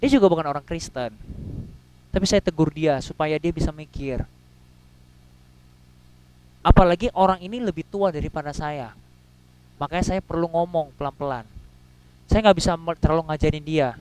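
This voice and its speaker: A man preaching a sermon in a casual, slangy way, swinging between loud and soft and acting out quotes. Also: fairly high pitch, moderate pace, pauses often, clear, resonant tone, poor audio.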